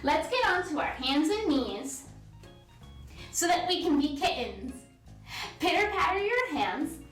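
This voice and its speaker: At a measured pace, a woman with a high, very lively voice runs an interactive read-aloud and movement lesson for small children, using simple, encouraging, sing-song prompts and pausing so they can copy her. She stands a bit away from the mic in an echoey room, with faint music behind her.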